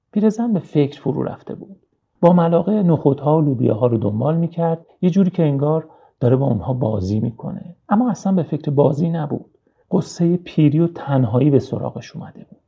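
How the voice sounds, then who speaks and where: A man narrating a children's storybook in a slow, gentle storytelling manner. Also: medium pitch, creaky, slightly rough. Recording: dull lo-fi recording.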